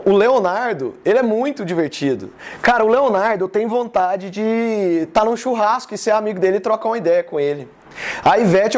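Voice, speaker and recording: A man with a Goiás accent talks loosely and directly to his live audience, his voice sitting fairly high for a man. He sounds like an easygoing business speaker in his thirties, chatting more than lecturing. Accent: Goiás Brazilian Portuguese. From Goiás, Brazil. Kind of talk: informal live talk to an audience.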